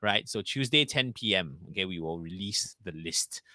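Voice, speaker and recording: A man's voice: low-pitched, lively intonation, moderate pace, pushed and bright, dry recording, studio quality. A Singaporean man co-hosting a casual live stream, talking in colloquial Singlish with particles at the ends of sentences. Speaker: co-host of a horror live stream.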